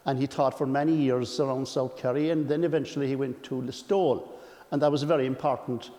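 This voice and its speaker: Irish guy telling someone's life story, mid-pitched, clears his throat a lot, big echoey room. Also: fairly even intonation, fast, mellow. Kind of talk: informal spoken biographical reminiscence. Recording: reverberant hall.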